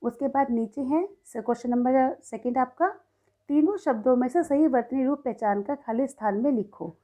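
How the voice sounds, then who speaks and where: A young woman teacher with a slightly high, mellow voice. She works through a grammar lesson patiently, step by step. She often pauses to check in with her class. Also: poor audio. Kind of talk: recorded Hindi grammar lesson.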